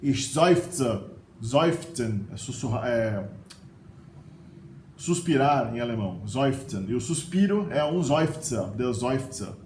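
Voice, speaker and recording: A middle-aged teacher with a Brazilian Portuguese accent speaks at medium pitch, slowly, with lively intonation and a slightly mellow tone. In this casual video on vocabulary, he's talkative and regularly adds "né?" as a question. Expect a roomy echo, faint ambience, and a touch of hiss or hum.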